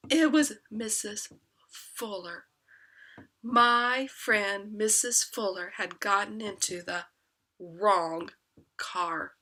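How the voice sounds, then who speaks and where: A woman telling a first-person story in an animated, dramatic way. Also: mid-range voice, slightly rough.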